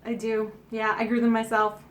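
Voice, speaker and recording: A Canadian woman in her forties, with a Canadian accent, co-hosts a food site and chats casually in an upbeat, giggly way. Her voice is a little high, a bit bright and monotone at normal speed, with slight background noise.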